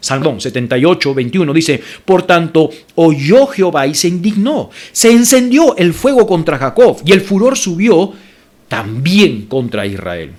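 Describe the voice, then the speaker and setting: A man preaching from the pulpit in a fairly high, lively voice that swings up and down. He repeats his verse references and calls his listeners brothers, pressing his points with emphatic force. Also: unhurried. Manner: emphatic preaching, repeats scripture references, rises sharply when indignant; addresses congregation as brothers. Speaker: pastor. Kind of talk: sermon.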